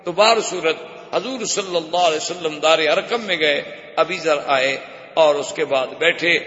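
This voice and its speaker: A man's voice: a little high, bright, forceful tone. A man preaching a sermon, telling a story dramatically and voicing the characters in it. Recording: echoey hall, dull lo-fi sound.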